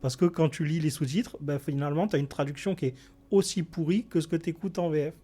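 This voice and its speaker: A man's voice: a little high, fairly quick, dark tone, slightly rough. A man on a podcast panel, giving his opinions bluntly and with emphasis. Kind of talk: casual debate chat.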